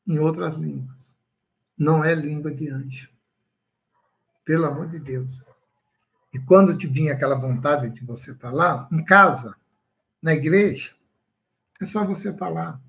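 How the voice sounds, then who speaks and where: A man's voice: fairly high pitch, unhurried, long pauses, fairly bright tone, low-quality recording. A man, a pastor preaching a sermon on a livestream and asking his listeners questions.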